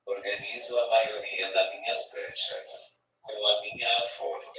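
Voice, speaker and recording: A man's voice: lowish voice, little pitch movement, a little slow, bright, forceful tone, far from the mic. A synthesized male text-to-speech voice, like an old speech synthesizer, reading a scripted first-person presentation in an evenly robotic way. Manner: robotic, evenly read delivery. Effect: speech synthesizer on tablet app. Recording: echoey, off-mic, music behind. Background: music.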